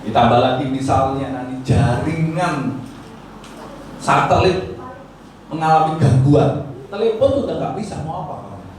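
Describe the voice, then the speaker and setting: Pastor guy preaching, kinda high voice, big echoey church sound from far off. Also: animated, measured pace, pauses often, a little mellow, slight background noise. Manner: exhorting, asks the congregation rhetorical questions. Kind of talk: sermon. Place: church hall. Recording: echoey hall, mic from far off.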